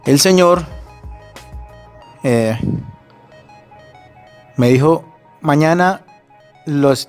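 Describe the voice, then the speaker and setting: A man with a Colombian accent telling a personal story in casual speech, acting out the dialogue and calling the listener brother, his voice slightly shaky with emotion. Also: on the high side. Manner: conversational, acts out quoted dialogue, says brother often.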